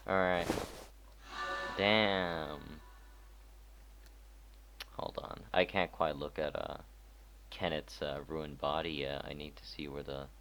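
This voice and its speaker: A man's voice: rumbling low, a bit bright, slight background noise. A young man rambling and swearing casually while playing a video game, poking fun at his own voice acting. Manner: profane, rambling, self-deprecating. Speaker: gamer. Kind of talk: casual gameplay commentary.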